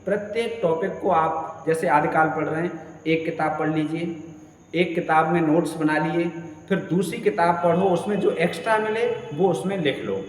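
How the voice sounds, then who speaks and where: A man's voice: fairly high pitch, steady tone, moderate pace, recorded from a distance. Earnest male teacher in an echoey room. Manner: earnest, repeats key points for emphasis. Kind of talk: motivational study advice talk. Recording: echoey room with long reverb, faint ambience.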